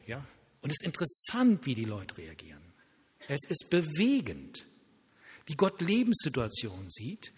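Husky pastor preaching in a reverberant hall. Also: male voice, medium pitch. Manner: lively storytelling, acting out quoted dialogue. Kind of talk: sermon.

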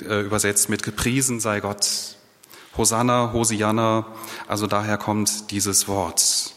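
A man's voice: mid-range voice, a bit bright. A man giving a sermon in a conversational preaching manner, asking rhetorical questions. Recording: long reverb of a large hall.

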